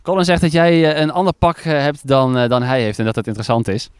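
A man's voice: medium pitch, expressive, quick pace, clean tone. A man reporting from a lakeside jetty in the rain, chatty and curious, often stumbling over his words. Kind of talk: outdoor field report.

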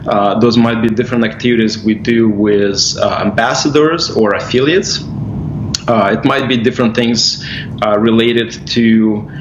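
A man with a Russian accent, a company executive being interviewed, talking casually with many pauses and restarts. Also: mid-range voice, background noise. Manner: hesitant, many uh fillers and restarts. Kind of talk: casual interview over a video call. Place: at home in an indoor room. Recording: dull, echoey room sound.

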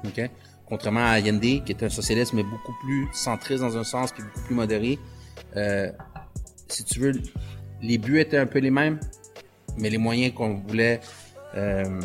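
A man with a Quebec French accent talks in a slightly low voice, easygoing and storytelling, and he drops English slang into his French all the time. Faint music sits underneath him. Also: normal speed. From Canada. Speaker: guest. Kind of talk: casual conversation.

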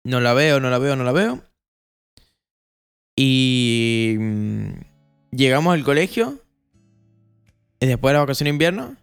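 A young man with an Argentine Spanish accent telling a casual storytime monologue, acting out the scenes with lively jumps in his voice. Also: a little slow, creaky, long pauses, clean tone, faint music behind. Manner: animated, acts out scenes with rising pitch.

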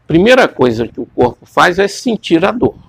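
A man's voice: sits high, sing-song, normal speed, vocal fry, a bit bright, slightly rough, dry recording. A man giving a classroom lecture, rambling and repeating words as he questions his students.

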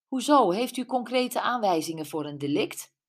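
A woman voicing an eager, nosy middle-aged amateur sleuth who fires excited questions. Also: medium pitch, normal speed, pitched above the performer's own voice, lightly acted.

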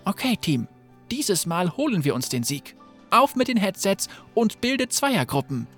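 A nervous young team leader. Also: female voice, medium pitch, big pitch swings, moderate pace, soft background music. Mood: rallying. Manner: stammering under pressure. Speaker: video game character.

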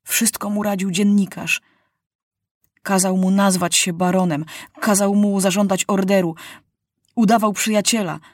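Slow, husky woman reading a storybook. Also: medium pitch, dry recording, clean studio sound. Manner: calm, measured storytelling. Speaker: narrator. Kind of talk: audiobook reading of a children's novel.

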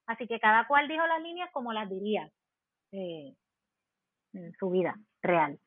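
A Puerto Rican actress chatting as a podcast guest, explaining in an animated way with many fillers. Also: female voice, mid-range voice, normal speed, breathy edge, no echo. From Puerto Rico. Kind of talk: podcast interview chat. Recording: dry tinny phone-like sound.

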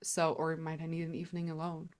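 Low-voiced woman, earnest teacher. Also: completely flat delivery, fast talker, a little mellow. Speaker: podcast guest, polarity teacher. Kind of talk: conversational podcast interview.

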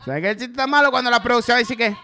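A comedian from Maracaibo talking in a casual, joking way, with a Maracaibo Venezuelan Spanish accent and lots of swearing. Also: male voice, extremely high pitch, very fast, soft background music. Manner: animated, joking, swears freely. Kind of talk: casual comic chat.

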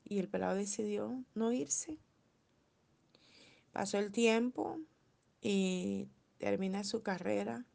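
A woman's voice: mid-range voice, slow, gravelly, long pauses, a little mellow. A woman preaching a sermon, telling stories with frequent filler words.

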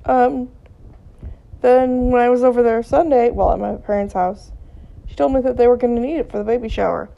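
Tired gravelly woman rambling on. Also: warm tone. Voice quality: gravelly, low-energy. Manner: meandering, with frequent ums and trailing sentences. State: tired and sick-sounding. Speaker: vlogger. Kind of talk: casual rambling monologue. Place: at home. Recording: dull lo-fi recording.

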